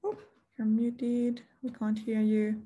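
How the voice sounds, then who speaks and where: A woman moderating a panel roundtable over a video call, speaking haltingly with many fillers. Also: fairly high pitch, flat delivery, dark tone. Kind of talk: hosting an online roundtable.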